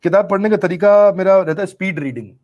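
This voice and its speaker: A man's voice: high-pitched, fast, dull audio. Earnest middle-aged man, emphatic repetition. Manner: earnest, emphatic, repeats phrases for effect. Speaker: business coach being interviewed. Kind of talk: conversational interview answers.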